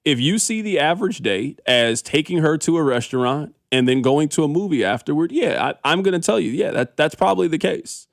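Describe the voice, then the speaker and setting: Male talk radio host: high and very lively, opinionated, colloquial, emphatic, recorded dry. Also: fairly quick, gravelly, hardly any pauses, dry recording. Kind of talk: casual sports talk radio banter.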